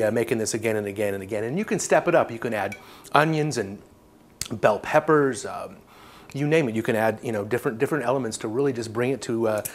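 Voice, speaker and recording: A man's voice: mid-range voice, slight background noise. A young man hosting a homemade cooking show, talking casually and joking as he walks through a recipe. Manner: laid-back, jokey, talks while cooking.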